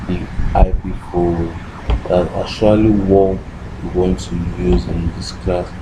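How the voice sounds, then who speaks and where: Here a deep-voiced man takes it slowly, keeping his intonation fairly even over some background noise. He instructs through an informal tech tutorial step by step, and his habit is to ask himself short questions, leaning on a repeated "what", before answering them.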